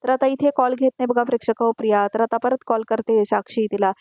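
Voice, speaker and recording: A woman's voice: on the high side, fairly even intonation, quick pace, darkish tone, no echo, studio quality. A woman with a Marathi accent narrating a voice-over recap of a TV serial, talking to viewers. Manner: addresses viewers, quotes dialogue in turn.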